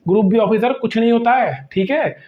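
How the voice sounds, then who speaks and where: Coaching teacher guy lecturing students earnestly, highish voice, kinda muffled sound. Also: brisk, roomy sound. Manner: earnest, lecturing, rhetorical questions. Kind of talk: earnest direct-to-camera talk to students.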